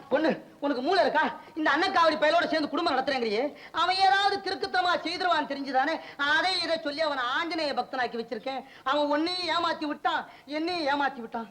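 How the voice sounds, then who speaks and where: A gruff, scheming older father scolds and barks in a raised, pinched voice. It is old film comedy dialogue, gruff and quick to anger. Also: very high voice, pushed and bright. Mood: stern. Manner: gruff, scolding, barking orders. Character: scheming bad-tempered father, older village healer.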